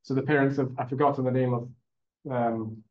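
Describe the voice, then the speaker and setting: A man's voice: mid-range voice, fairly even intonation, brisk. Roomy, dull recording of a male lecturer. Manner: conversational, frequent "okay?" check-ins and fillers. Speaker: university lecturer. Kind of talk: classroom lecture. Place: lecture room.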